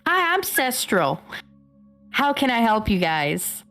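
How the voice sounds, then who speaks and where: Woman putting on a bright Southern waitress customer service voice. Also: a little high, big pitch swings, takes it slowly, soft background music, voice pushed up, full character voice. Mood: cheerful, polite. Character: cheerful young waitress with a notepad.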